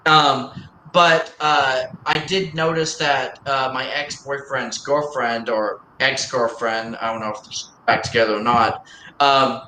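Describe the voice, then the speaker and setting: Male streamer, chatty and rambling with stop-start phrasing; sharp, bright voice in an echoey room. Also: mid-range voice, fairly even intonation, a little hiss or hum. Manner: rambling, halting, with many restarts and repeated words. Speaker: livestream host. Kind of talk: casual chat on a livestream. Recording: roomy echo.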